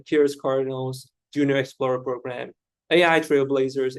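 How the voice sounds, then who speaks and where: Chatty man moderating a webinar, flat. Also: medium pitch. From Vietnam. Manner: chatty, self-deprecating, with frequent fillers. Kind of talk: hosting an online webinar. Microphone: video call.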